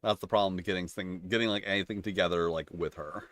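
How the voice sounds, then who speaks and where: A man's voice: low voice, fairly even intonation, fast, fairly bright tone, dry recording. A man hosting his channel, reading tabletop game rules aloud and breaking off into chatty, rambling asides. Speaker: channel host reviewing tabletop games.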